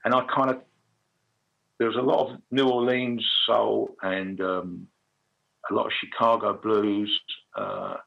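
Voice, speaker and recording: A middle-aged man with a gravelly, husky voice, telling anecdotes casually as an interview guest. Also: fairly low pitch, level tone, unhurried, pauses often, muffled recording.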